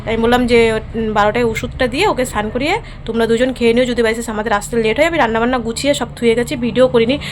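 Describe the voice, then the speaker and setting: A middle-aged woman, a mother vlogging in a hurried, chatty way with many fillers. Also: on the high side, fairly even intonation, a little hiss or hum. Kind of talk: casual vlog narration.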